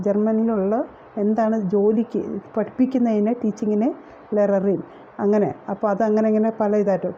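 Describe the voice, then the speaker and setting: A woman's voice: medium pitch, mellow. Woman, middle-aged, personal testimony, rambling, dull lo-fi recording, faint hiss. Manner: rambling, many fillers and restarts. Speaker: teacher sharing her experience.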